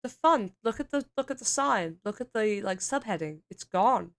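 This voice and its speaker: A woman chatting casually and reacting in an informal, expressive way as someone being taught. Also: mid-range voice, normal speed. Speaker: learner responding to an explanation. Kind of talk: casual chat.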